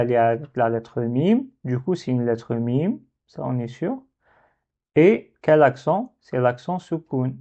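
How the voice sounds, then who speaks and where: A man gives a slow, step-by-step reading lesson, repeating each syllable patiently for learners. His voice is mellow and unhurried. The recording sounds dull and lo-fi. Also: mid-range voice. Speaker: Arabic reading teacher.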